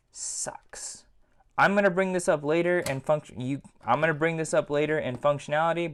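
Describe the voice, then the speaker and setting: Casual male toy reviewer, slightly higher voice, talks loosely and circles back on his points. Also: clear, resonant tone. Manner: chatty, rambling, repeats "again" and "like".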